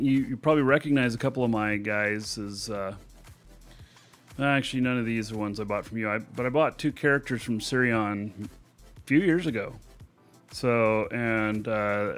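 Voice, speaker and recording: A man's voice: medium pitch, normal speed, faint music behind. A man hosting a live gameplay stream, chatting casually and rambling as he goes. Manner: rambling, chatty, laughs at himself. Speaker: livestream host.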